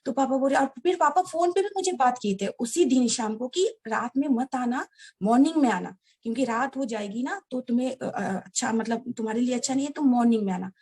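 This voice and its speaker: A woman telling a personal story to a devotional gathering, earnest and halting, often addressing her listeners directly. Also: a little high, darkish tone, husky. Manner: many restarts and hesitations. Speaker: devotee sharing a personal experience. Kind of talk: heartfelt personal storytelling to an audience.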